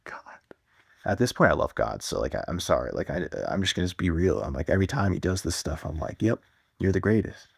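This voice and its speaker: A man's voice: a bass voice, expressive, fast talker, vocal fry, few pauses, breathy edge, dry recording, studio quality. A young man in a casual confessional vlog monologue, rambling and self-deprecating, full of fillers. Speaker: vlogger.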